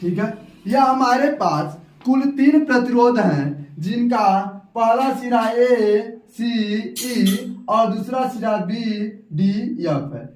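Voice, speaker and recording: A man's voice: extremely high pitch, expressive, takes it slowly, a little mellow, far from the mic. A young man teaching a science lesson at a whiteboard, explaining step by step and repeating key terms. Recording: echoey room, off-mic.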